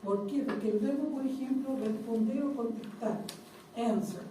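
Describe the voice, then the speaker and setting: A woman teaches a classroom lesson, working through each example slowly and asking the class questions as she goes. Her voice is quite high and very mellow. The recording is very echoey, with faint background noise and a mic some distance away. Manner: explains step by step, repeats words and asks the class questions. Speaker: English teacher.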